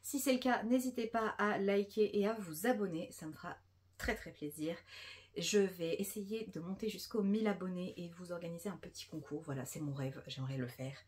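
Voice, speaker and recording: A woman with a slightly low voice talks through her latest book purchases in a relaxed vlog. She is chatty and enthusiastic, with plenty of fillers, and a little tired. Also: brisk. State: a bit tired. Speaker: book vlogger. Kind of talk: casual book haul vlog.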